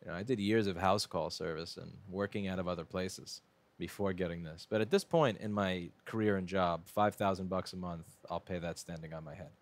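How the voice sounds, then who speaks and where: Repair shop owner, low and gravelly, chatty live commentary to viewers. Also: male voice, a little fast. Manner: casual, chatty, talks to chat while working.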